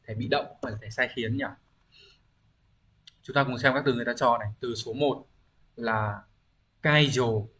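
A man's voice: mid-range voice, steady tone, moderate pace, pauses often, a bit bright. A man teaching a recorded language exam-review lesson, explaining patiently and often asking rhetorical check-in questions, with frequent hesitation fillers as he thinks aloud.

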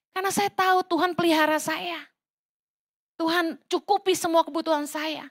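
A woman pastor preaches a church sermon, her voice sitting high. She talks in a casual, lively way, mocking petty prayers with teasing put-on voices. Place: church service, livestreamed.

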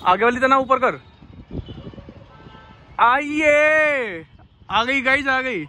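Young male vlogger, high bright voice, unhurried, excitable, laughing, phone mic outdoors. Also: soft background music. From India. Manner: excitable, laughing, urging a friend on. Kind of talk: casual vlog commentary. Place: rooftop outdoors in a city. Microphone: phone camera held by the speaker.

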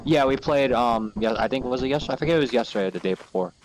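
A man chatting casually with gaming friends in a relaxed, rambling way, full of ums. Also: mid-range voice, rapid-fire, a little hiss or hum. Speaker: gamer friend. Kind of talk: casual chat. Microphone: no headset mic, picked up by others.

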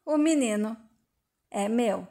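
A woman's voice: a little high, expressive, takes it slowly. A woman reading as a remorseful rancher. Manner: countrified speech, soft and pleading. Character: rural rancher, middle-aged man, remorseful.

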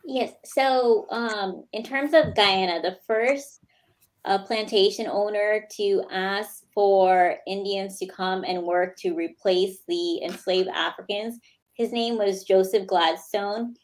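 A woman in her thirties with an American accent, speaking as a guest over a video call in a plain, steady way. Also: mid-range voice, slow pace, poor audio. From United States. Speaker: guest, lawyer. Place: small indoor room. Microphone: video call webcam.

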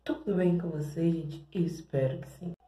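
Woman, Brazilian accent, casual vlogger, very dark warm tone, echoey bathroom sound. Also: deep voice, fairly even intonation, moderate pace. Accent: Brazilian Portuguese. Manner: chatty, keeps addressing viewers as "gente". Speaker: hair care vlogger. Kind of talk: casual product-testing vlog. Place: home bathroom.

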